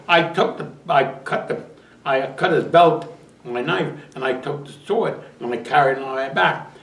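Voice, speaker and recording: An older man recalls his service in a rambling, chuckling way, his voice a touch high for a man. He sits back from the microphone in a roomy, echoing space. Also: fairly bright tone, distant mic. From United States. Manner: rambling storytelling with restarts and chuckles. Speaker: war veteran interviewee. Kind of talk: oral history interview.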